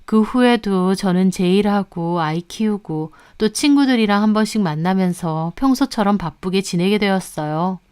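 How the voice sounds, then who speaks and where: A woman calmly narrating a first-person family drama story. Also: medium pitch, moderate pace, few pauses, clear, resonant tone. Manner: calm storytelling. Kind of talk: scripted narration.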